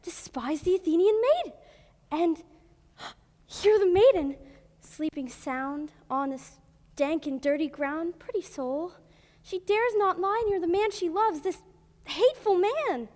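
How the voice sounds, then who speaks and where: A woman's voice: very high-pitched, lively intonation, a little mellow, heavily acted. A woman playing the mischievous fairy sprite Puck in a school stage play, gasping and taking her time over each line. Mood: sly. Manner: breathy gasps, slow storytelling delivery. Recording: stage mic with hall reverb.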